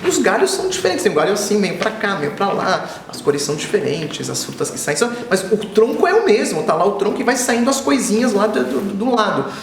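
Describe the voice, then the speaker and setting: A man in his forties, born in Israel and raised in Brazil, is a children's author being interviewed. He speaks high and a little fast with vocal fry and hardly pauses, thoughtful and circling back to repeat phrases, livening up when he tells stories. The sound is reverberant with slight background noise.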